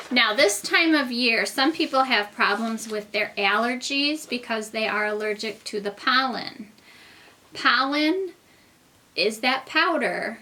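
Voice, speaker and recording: A woman's voice: on the high side, pushed and bright. A woman teaching a reading lesson to young children, explaining things simply and patiently like a kindergarten teacher talking to little ones.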